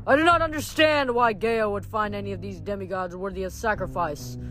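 A woman's voice: medium pitch, a little fast, a bit bright, faint music behind, close to an everyday voice. Taunting giant guy from a storybook, a lady reading puts him on, theatrical and scornful. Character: menacing male giant, scornful and boastful.

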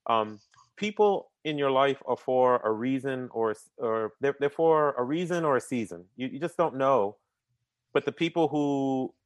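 A man appears as a podcast guest, chatting casually in an energetic, talkative way. He tends to repeat a word when starting a sentence and drops in casual slang. His voice is middle-pitched, and the recording is close and dry with no room sound.

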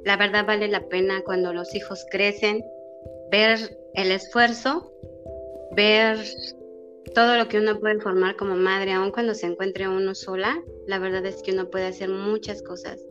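A woman with a Mexican accent, a single mother speaking as a guest in an interview, telling her stories in a lively, heartfelt way. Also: mid-range voice, moderate pace. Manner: warm, lively storytelling with laughter. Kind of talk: emotional storytelling interview. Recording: dull lo-fi audio with music behind.

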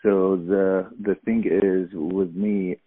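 Middle-aged man, slow and halting, dry phone-line sound. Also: deep voice, level tone, no echo. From Iraq. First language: Arabic. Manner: halting, searching for words, many fillers. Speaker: podcast guest. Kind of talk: casual interview.

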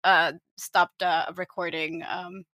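A woman's voice: on the low side, little pitch movement, takes it slowly, bright, forceful tone, no room sound, studio quality. A woman in her late twenties, born in Finland, with an international-school, American-like accent, chatting as a podcast guest in a chatty, self-deprecating way. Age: 20s. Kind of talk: casual interview chat.

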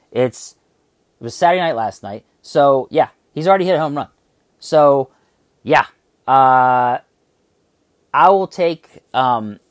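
A man hosting a casual sports podcast, talking in an excitable, rambling way with restarts and some swearing. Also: fairly high pitch, dry recording, studio quality. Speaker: podcast host.

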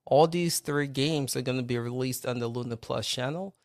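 A man's voice: medium pitch, moderate pace, no room sound. Host type: Nigerian-accented man, chatty and upbeat, dry studio sound. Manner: upbeat, greets viewers by name. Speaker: podcast host. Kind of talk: casual live-stream chat.

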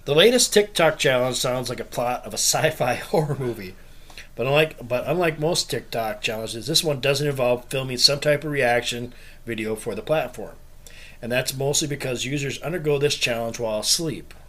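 Brief: male podcast host, mid-pitched, casual and profane, laughs a lot. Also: moderate pace, a bit bright. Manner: laughs often, swears, tells stories.

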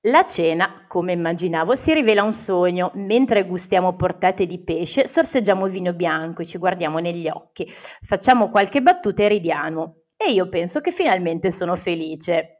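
A woman co-hosting a podcast, telling a personal anecdote in a wry, deadpan way with dry jokes. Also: on the low side, moderate pace. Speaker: podcast co-host. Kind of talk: ironic storytelling of a personal anecdote.

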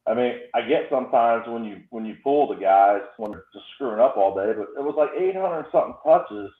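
A man's voice: medium pitch, expressive, a little fast. A man calling in to a sports show over a choppy phone line that keeps breaking up, speaking bluntly. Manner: blunt, complaining. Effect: choppy call breaking up. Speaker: caller. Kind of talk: sports call-in chat. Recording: echoey tinny phone line.

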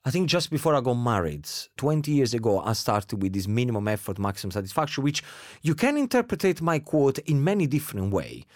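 A middle-aged man with an Italian accent chatting casually, animated and laughing often. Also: mid-range voice, brisk, hardly any pauses, no echo, clean studio sound. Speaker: guest. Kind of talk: casual chat.

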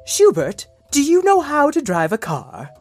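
A man's voice: very high voice, wildly swooping pitch, a little slow, faint music behind, voice pushed up, exaggerated voice. A man plays an indignant woman president in a children's story. She scolds sternly, calling out the culprit's full name in formal reproach. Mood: stern, livid. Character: stern, indignant female president of a fantasy world.

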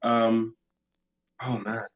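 This young London-accented actor from the United Kingdom chats eagerly as an interview guest in a casual conversation, relying heavily on "like". His medium-pitched, level voice comes very slowly, with the highs cut off.

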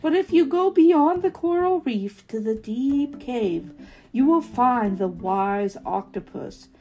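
Woman voicing a calm storybook starfish, gentle and unhurried. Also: a little high, soft background music, rough recording.

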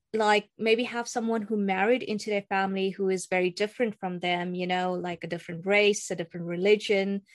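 A woman's voice: mid-range voice, no echo. A young adult woman from South Africa, a cross-cultural communication coach, talking earnestly as a guest in a casual interview with some ums and restarts. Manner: earnest, with filler words and restarts.

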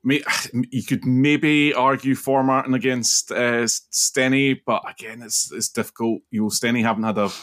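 A man chatting casually about sport as a panellist, in a tentative, halting way. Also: mid-range voice, fairly even intonation, fairly bright tone. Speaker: football podcast panellist. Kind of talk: casual football chat.

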